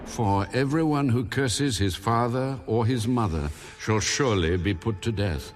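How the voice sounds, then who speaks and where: In a scripture audio drama, a very low male voice plays an almighty deity. Solemn and commanding, he pronounces every law and judgment as final, with music clearly audible behind him.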